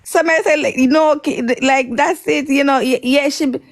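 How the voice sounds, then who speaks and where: Chatty high-voiced Jamaican woman host. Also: fairly even intonation, a little fast. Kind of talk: casual live-stream chat.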